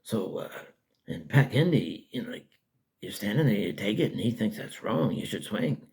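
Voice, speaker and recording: An older man from Canada spins a folksy, rambling tale from his boyhood. His voice is gravelly and a bit husky, with an easy, lively storytelling flow. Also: fairly low pitch, moderate pace. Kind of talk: casual spoken memoir.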